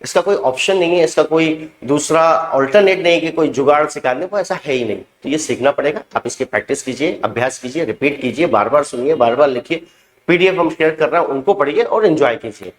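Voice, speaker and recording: A man with a high-pitched voice takes learners through English verb forms in a steady drill. He says each word slowly and carefully and repeats it twice. The sound carries an echo from the room. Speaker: English teacher. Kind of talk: spoken vocabulary drill.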